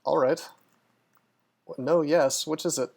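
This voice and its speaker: A man's voice: on the high side, steady tone, a little slow, vocal fry, a little mellow. A man streaming a game, talking casually and musing aloud, with frequent ums and restarts. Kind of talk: live-stream gameplay commentary.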